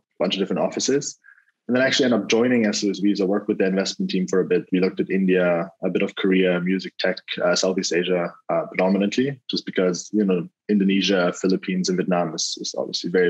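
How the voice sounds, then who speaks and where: A man speaks in a very low, husky voice that stays flat and level. He talks casually and rambles, piling on fillers and restarts. The sound comes through dull lo-fi call audio. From Germany. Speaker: venture capital investor, guest. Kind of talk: casual interview over a call.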